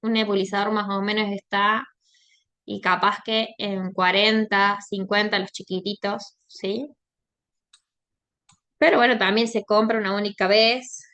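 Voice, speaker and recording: A woman's voice: medium pitch, flat delivery, unhurried, fairly bright tone. A woman giving a lecture, explaining in a conversational way and often checking in with her class. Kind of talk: online lecture.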